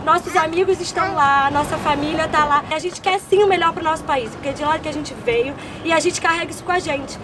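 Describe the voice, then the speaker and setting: A woman's voice: high voice, a little fast, hardly any pauses. A woman speaking with passion as a protester in a street interview. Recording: distant mic, loud crowd and traffic.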